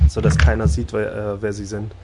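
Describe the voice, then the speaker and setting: A man chatting casually about an anime episode, talkative and laughing often, getting animated when enthusiastic. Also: fairly low pitch, fairly quick, very noisy. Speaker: podcast host discussing anime. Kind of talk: casual chat.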